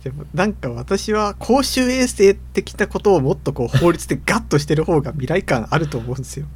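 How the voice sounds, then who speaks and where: A man in casual podcast chat, speaking in a relaxed, hesitant way with many fillers. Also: fairly high pitch, fairly quick, husky. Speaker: podcast co-host.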